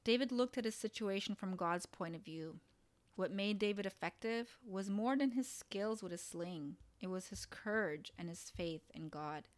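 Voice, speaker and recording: Brief: woman preacher, earnest devotional storytelling, steady mid-range voice. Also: medium pitch, normal speed. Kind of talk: devotional sermon retelling Bible stories.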